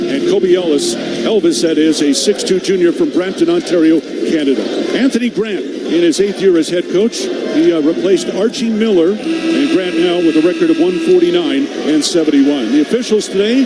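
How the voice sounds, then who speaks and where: High-pitched male radio announcer, brisk reads, heavy background noise. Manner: brisk, reads stats and lineups. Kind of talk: pregame radio broadcast.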